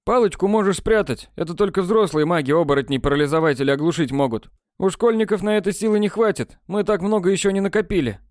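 A man reading an audiobook, voicing a sardonic, know-it-all teenage schoolboy mage who explains things briskly. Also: sits high, a little mellow, no room sound, studio quality, pitched above the performer's own voice, lightly acted. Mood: explaining.

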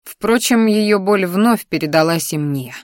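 A woman narrating a first-person novel in a steady, intimate storytelling manner. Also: mid-range voice, a little slow, no echo, studio quality. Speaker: audiobook narrator.

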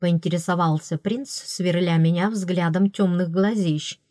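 A woman reading a novel in first person, telling the story in a lively, playful way. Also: on the low side, measured pace, no echo, studio quality. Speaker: audiobook narrator. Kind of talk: first-person audiobook narration.

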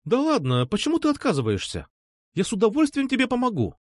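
A man voicing an eager, insistent young woman who keeps pressing to come over, with hurried pleading lines. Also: very high voice, huge pitch swings, dry recording, clean studio sound, pitched above the performer's own voice, heavily acted. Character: young woman, eager, pushy, uneasy schoolgirl.

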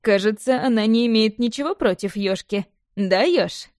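A woman's voice: a little high, moderate pace, a little mellow, no room sound, lightly acted. Woman voicing a teasing young man, playful and cocky, dry close sound.

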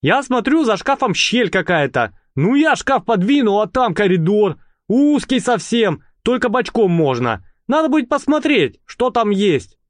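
A man's voice: sits high, sing-song, unhurried, no room sound, pitched above the performer's own voice. A man voicing the youngest member of a small gang, a short, nimble lad who chatters eagerly in a raised voice. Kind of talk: audiobook character voice.

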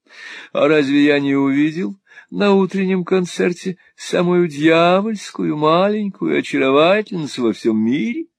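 A man's voice: fairly high pitch, animated, measured pace, gravelly, no echo, voice pushed up. A man voicing a foppish, pompous husband who gushes and swears theatrically in an audiobook reading. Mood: swaggering. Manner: gushing, languid, swaggering exclamations.

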